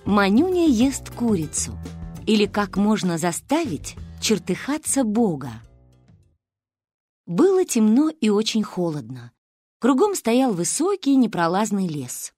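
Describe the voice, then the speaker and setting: A woman narrating an audiobook in a lively, expressive storytelling manner. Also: medium pitch, a little slow, breathy edge, no room sound, soft background music.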